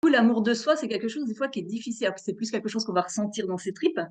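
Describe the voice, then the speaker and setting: Fast-talking woman interviewer. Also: fairly high pitch, lively intonation, a little mellow. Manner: curious, asks reflective questions. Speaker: interview host. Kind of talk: conversational interview.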